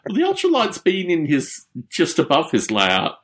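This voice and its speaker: Lively-voiced male call-in host. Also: a little high, normal speed. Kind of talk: casual call-in chat.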